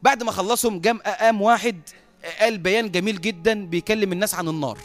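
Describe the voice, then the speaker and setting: An Egyptian man preaching a sermon as a lively storyteller who often laughs at his own tale. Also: high-pitched, fast, no echo, soft background music.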